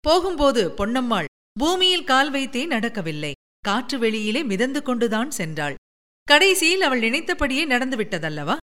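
A woman narrating a novel aloud in an expressive storytelling manner. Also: high voice, moderate pace. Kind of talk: audiobook novel reading.

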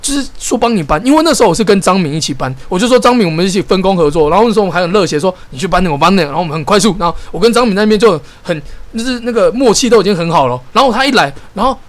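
Fast, high-voiced man. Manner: animated, exasperated ranting with restarts. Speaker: podcast co-host. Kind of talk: casual storytelling chat.

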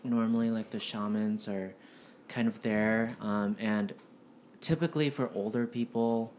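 A man's voice: on the low side, steady tone, measured pace, a little mellow, slight background noise. A man in his twenties from the United States, a guest in a casual podcast conversation, talking hesitantly with many "um" and "like" fillers. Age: 20s.

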